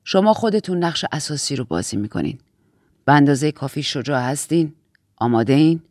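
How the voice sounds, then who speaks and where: A stern older matron in charge , as a female reader puts her on, her voice pushed well down into a low, grave register. She speaks in measured, clipped commands. The sound is dry and close, with no room behind it. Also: animated, a little mellow, dry recording. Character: stern, controlled older woman in authority. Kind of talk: audiobook character voice.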